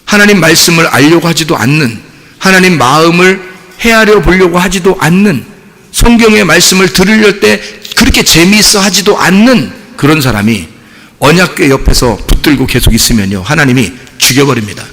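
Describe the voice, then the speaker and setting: A male pastor preaching a sermon in a casual, conversational way, acting out quoted voices and sometimes rising to a shout. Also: a little high, expressive, a little fast, long reverb tail. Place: church sanctuary.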